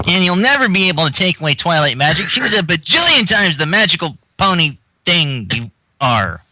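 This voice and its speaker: Man doing a shrill, brash little filly. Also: big pitch swings, fairly quick, exaggerated voice. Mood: defiant. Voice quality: shrill, shouting falsetto.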